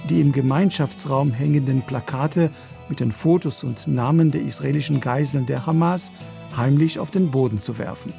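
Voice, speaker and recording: A man narrating a scripted radio news report in a measured, even delivery. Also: a little high, creaky.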